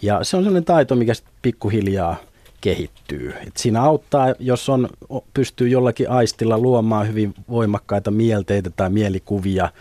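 Relaxed man explaining, dry studio sound. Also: fairly low pitch, no echo. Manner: explanatory, relaxed, chuckles while talking. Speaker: lucid dreaming instructor. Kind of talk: radio studio conversation. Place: radio studio.

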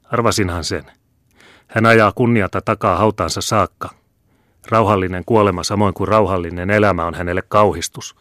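A man's voice: sits low, steady tone, a bit bright, no room sound, studio quality. A man reading as a bitter old peasant leader. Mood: proclaiming. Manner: stern, proclaiming.

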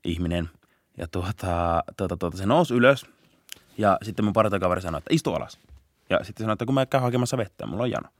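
A young man, a police officer, telling a story in a casual podcast interview, laughing often and shouting out bursts of the chase. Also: sits low, animated, dry recording. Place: podcast studio.

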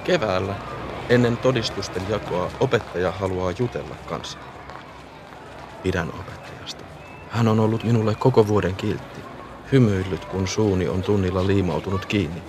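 Man narrating as a boy, low voice, calm reflective radio play narration, noise behind. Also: natural voice. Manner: calm, reflective, often hushed. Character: a boy remembering his childhood.

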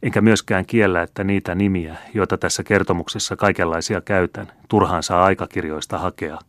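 A male audiobook reader voicing an elderly storyteller who lays out his reasoning in a measured way. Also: low voice, steady tone, dry recording, clean studio sound, lightly acted. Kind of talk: audiobook character reading.

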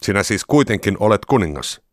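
A man voicing a stern Roman governor in a scripture reading, measured and questioning. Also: fairly low pitch, sing-song, no echo, clean studio sound.

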